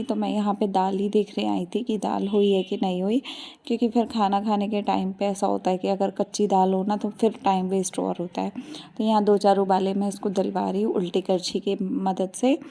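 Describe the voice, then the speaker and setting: A woman's voice: medium pitch, mellow. A woman and mother chatting easily through a home vlog from her kitchen. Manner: chatty, easygoing storytelling. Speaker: vlogger and mother. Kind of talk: casual home vlog narration.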